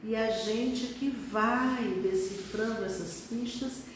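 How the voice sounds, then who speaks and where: Here the middle-aged Brazilian pediatric neurologist sounds a little high and slow, with slight background noise. She reflects on a live stream with some hesitations, recorded on a phone that's distant from her in an echoey room.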